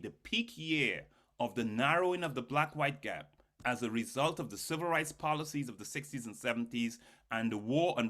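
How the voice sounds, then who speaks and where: Bright, forceful man giving a keynote lecture. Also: medium pitch. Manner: addresses listeners directly, emphatic, poses and answers rhetorical questions. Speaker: keynote speaker, academic. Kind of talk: keynote lecture explaining data to an audience.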